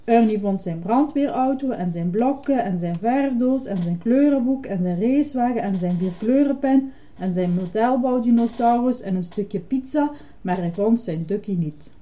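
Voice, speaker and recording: A woman gently reading a bedtime storybook aloud in a steady voice. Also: fairly high pitch, normal speed. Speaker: storybook reader. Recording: dull lo-fi recording.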